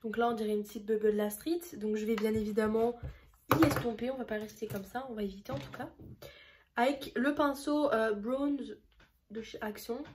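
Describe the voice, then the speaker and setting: Young woman rambling through a makeup tutorial, slightly high voice, laid-back chatty. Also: steady tone, moderate pace, a little mellow, a little hiss or hum. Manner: chatty, rambling, self-deprecating. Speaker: beauty vlogger. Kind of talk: casual makeup tutorial chat.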